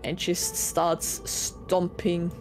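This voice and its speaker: A woman game master narrating a tabletop game casually and haltingly, as if thinking aloud. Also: lowish voice, monotone. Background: background music.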